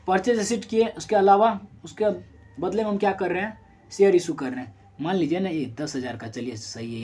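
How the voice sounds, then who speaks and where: Here the commerce teacher has a medium-pitched voice that is a little mellow and slightly rough. In this recorded lesson, worked number examples are explained one step at a time. The teacher speaks straight to the students, asks and answers their own questions, and self-corrects mid-sentence.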